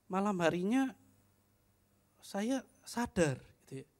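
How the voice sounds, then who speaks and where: High-voiced joking young preacher. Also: male voice, sing-song, takes it slowly, a little mellow. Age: young adult. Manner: chatty, joking, frequent tag "ya". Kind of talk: youth fellowship sermon, casual storytelling.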